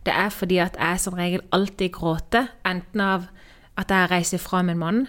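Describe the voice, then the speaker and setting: A woman from Norway co-hosting a podcast, telling personal stories in a candid, animated way. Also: lowish voice. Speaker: podcast co-host. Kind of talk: casual podcast conversation.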